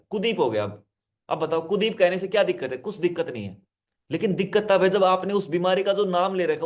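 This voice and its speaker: A male hypnotherapist giving a self-help lesson, speaking directly to listeners, repeating his instructions and explaining with simple word examples. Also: high voice.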